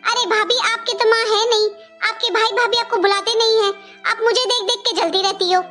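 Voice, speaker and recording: A woman's voice: very high voice, steady tone, brisk, bright, forceful tone, soft background music. Woman voicing a sneering spoiled young sister-in-law. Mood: taunting. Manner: taunting, sneering. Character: spoiled taunting young married daughter. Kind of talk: animated cartoon voice acting.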